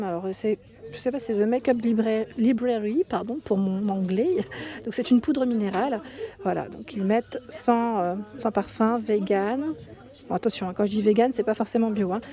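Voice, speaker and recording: French woman, slightly high voice with a mellow tone, chatty store-tour vlogger. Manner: chatty, reads prices aloud, thinks out loud. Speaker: shopping haul vlogger. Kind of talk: casual store walkthrough vlog. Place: indoors in a shop under ceiling spotlights.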